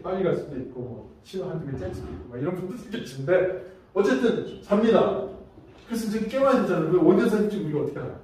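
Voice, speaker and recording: A man giving a safety training lecture, telling lively stories and acting out examples. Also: high-pitched, a little hiss or hum. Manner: lively storytelling with acted-out examples. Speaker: safety instructor. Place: large lecture room. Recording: echoey hall, mic far off.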